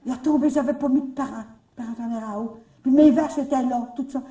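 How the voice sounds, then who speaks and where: A woman with a Canadian French accent telling faith stories at a retreat, lively, repeating herself and rising into exclamations. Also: high-pitched, brisk. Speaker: retreat speaker. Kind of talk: storytelling talk. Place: retreat hall. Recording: echoey room, mic far off.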